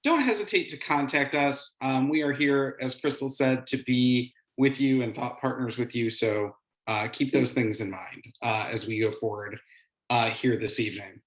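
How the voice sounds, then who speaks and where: Middle-aged man, halting, in an echoey room. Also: mid-range voice. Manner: hesitant, halting phrasing with frequent pauses. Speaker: instructional coach and webinar presenter. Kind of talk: informal presentation. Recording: roomy, echoing sound.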